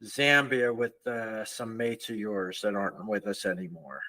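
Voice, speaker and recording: Male host, bright forward voice, casual interviewer with playful prompts. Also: on the low side, measured pace, low-quality recording. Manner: prompting questions, joking asides. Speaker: podcast host. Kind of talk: conversational interview.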